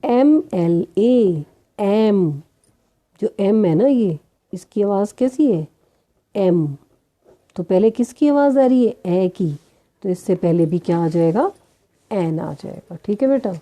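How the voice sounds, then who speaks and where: A woman's voice: medium pitch, animated, warm tone. A woman teaching a grammar lesson who talks patiently, asks her students questions and answers them herself, and calls them children. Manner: spells out sounds slowly.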